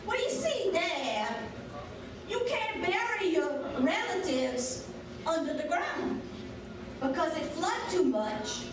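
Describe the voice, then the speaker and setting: A woman's voice: very high voice, sing-song, takes it slowly, a crowd in the background. A woman with a Cajun Louisiana accent telling folk tales in a theatrical, folksy dialect. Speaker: storyteller. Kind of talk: dramatic folk storytelling. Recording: echoey room, distant mic, noisy background.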